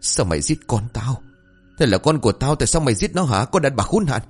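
Furious bitter young husband, voiced by a male narrator, loud, raised voice, lively swings. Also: medium pitch, brisk, slightly rough, faint music behind, pitched above the performer's own voice. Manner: shouting accusations, raised and harsh.

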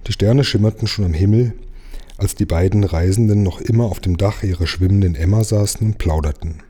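A man reading a children's book aloud in a steady, expressive storytelling voice. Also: deep voice, fairly quick, slightly rough. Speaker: reader.

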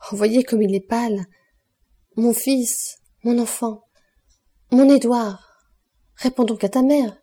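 A woman's voice: mid-range voice, fairly even intonation, normal speed, dark tone, breathy edge, close to an everyday voice. A woman reading an audiobook and voicing an anxious, effusive aristocratic mother. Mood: pleading.

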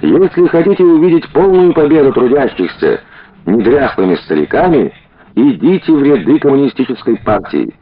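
A man's voice: mid-range voice, sing-song, moderate pace, voice pushed up, close to an everyday voice. A man reading an audiobook and voicing an impassioned male revolutionary orator who fires off rousing rhetorical questions at a rally. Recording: dull lo-fi audiobook recording.

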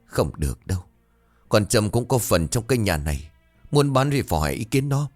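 A man's voice: on the low side, big pitch swings, fairly quick, a little mellow, faint music behind. A man voicing a weary older mother who speaks firmly to her son.

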